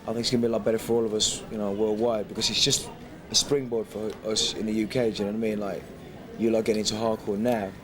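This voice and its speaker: A man's voice: lowish voice, level tone, fast talker, hardly any pauses, crowd noise. A man from England, chatting in a casual interview, rambling, swearing and laughing often. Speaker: guest DJ. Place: airport. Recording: noisy location recording.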